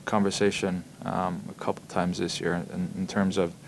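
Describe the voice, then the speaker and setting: A young man, a hockey player, answering reporters' questions at a postgame press conference, halting and full of ums and repeated words, speaking into table microphones in a press room. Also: low-pitched, little pitch movement, creaky, a little hiss or hum. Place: press room in front of a logo backdrop. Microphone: table microphones in front of him.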